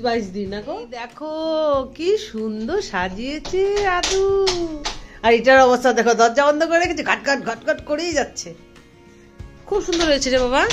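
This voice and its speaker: High-voiced middle-aged mother, affectionate. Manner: affectionate, chatty narration. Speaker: mother in a family vlog. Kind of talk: casual commentary while filming.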